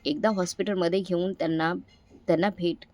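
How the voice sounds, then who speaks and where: A woman voicing a poor, elderly mother who pleads gently and softly in a story. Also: lowish voice, steady tone, brisk, no echo, lightly acted. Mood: pleading. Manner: soft, pleading.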